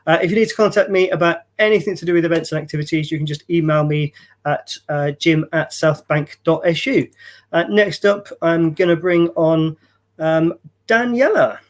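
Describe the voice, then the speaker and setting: A man's voice: fairly high pitch, moderate pace. A man in his forties giving a casual self-introduction as a students' union activities coordinator, with many ums and uhs. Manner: chatty, with frequent ums and uhs.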